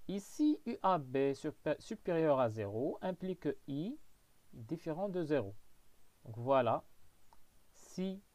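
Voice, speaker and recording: Higher-pitched man teaching. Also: big pitch swings, measured pace, darkish tone, no echo. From Morocco. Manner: explains step by step, with many "donc" and "voilà". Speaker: physics teacher. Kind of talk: classroom lesson.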